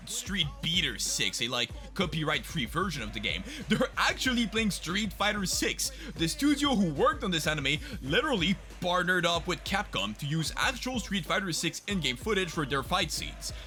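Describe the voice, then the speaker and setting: Over faint soft background music, a young man hosting a YouTube channel mocks the new anime season with sarcastic, over-the-top drama. He speaks at a normal speed with few pauses, his bright, slightly high voice swinging widely in pitch.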